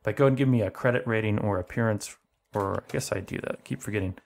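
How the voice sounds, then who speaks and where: Low gravelly man running a tabletop game. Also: quick pace, a little mellow. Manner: rambling, filler-heavy narration. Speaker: game master.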